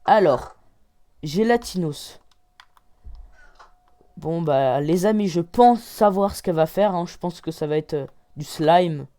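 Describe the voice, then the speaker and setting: A woman voicing lively game commentary from her desk, easily excited and quick to cheer or groan. Her voice sits a little low and sounds dark and mellow. She exclaims often and scores each item out of ten. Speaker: gaming channel host.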